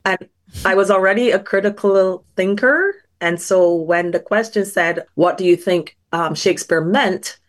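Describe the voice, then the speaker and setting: A woman's voice: medium pitch, moderate pace. A middle-aged woman from Barbados, a scientist guest telling her story in a thoughtful, earnest way. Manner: thoughtful, earnest, frequent small restarts. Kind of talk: reflective personal storytelling.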